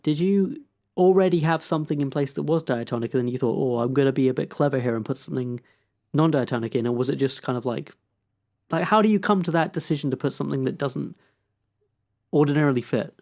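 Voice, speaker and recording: A man co-hosting a songwriting podcast, asking curious, detailed questions in a relaxed, playful chat. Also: medium pitch, fast talker. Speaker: podcast co-host. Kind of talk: casual chat about songwriting.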